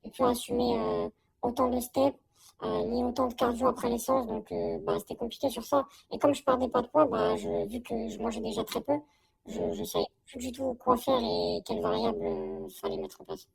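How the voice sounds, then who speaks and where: A woman with a high voice that breaks into heavy creak. She gives a casual, slangy testimonial in an interview, hesitating as she goes, with chatter audible behind her. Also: big pitch swings, fairly quick, rough recording. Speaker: coaching client giving a testimonial.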